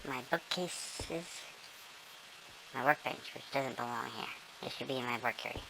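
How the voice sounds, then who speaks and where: Gamer's voice through a squeaky morph filter. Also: measured pace, gravelly, background noise. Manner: rambling, with many ums and self-corrections. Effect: voice-morphing filter, squeaky and small like a squirrel. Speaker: gamer giving a tour of a build. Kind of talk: casual gameplay tour.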